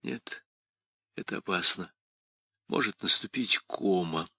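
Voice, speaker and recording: A man as a quiet, weary priest. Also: on the low side, normal speed, dry recording. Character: exhausted worried priest and doctor, male.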